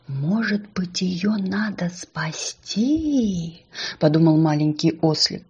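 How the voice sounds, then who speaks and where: A woman narrating a children's story in a soft, gentle, unhurried way. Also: lowish voice, breathy edge, dull audio.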